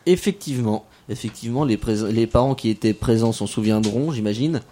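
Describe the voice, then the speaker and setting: A man hosting a casual local radio show, playful and self-mocking, gently drawing out the young guests. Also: medium pitch, brisk. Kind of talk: casual radio chat with children.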